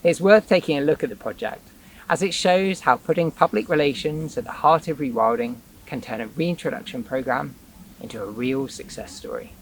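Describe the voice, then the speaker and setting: A man's voice: a little high, moderate pace, slight background noise, low-quality recording. A man presenting a rewilding explainer in scripted narration, with dry, wry asides.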